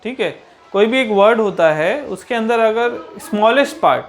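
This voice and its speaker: A woman teaching grammar. She keeps asking rhetorical questions and answering them, and slows down for definitions. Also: fairly high pitch, animated, slight background noise. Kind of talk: grammar lesson.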